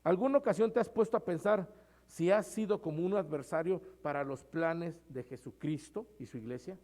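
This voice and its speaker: Male pastor, relaxed conversational sermon delivery, voice slightly higher than average. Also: moderate pace. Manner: conversational preaching, often adds "hermanos".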